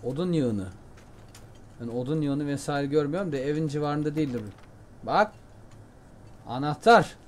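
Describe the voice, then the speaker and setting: Excitable Turkish gamer man, playful. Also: fairly high pitch, moderate pace, long pauses, slight background noise. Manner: chatty, excitable, jokey, shouts at the game. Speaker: gameplay commentator. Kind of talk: casual let's-play commentary.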